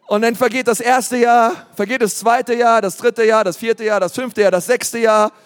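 A man preaching as a pastor, lively and casual, with many fillers and slipping into other voices to mimic listeners. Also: very high voice, moderate pace, clean tone. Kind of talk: sermon. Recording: long hall reverb.

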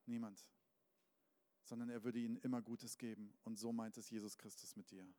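A man's voice: on the low side, level tone, brisk, mellow. Male preacher: earnest, direct, storytelling, in a reverberant church hall. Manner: earnest, direct address to the listener. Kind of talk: sermon with storytelling. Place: large church hall with a live band. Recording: long hall reverb, faint band music.

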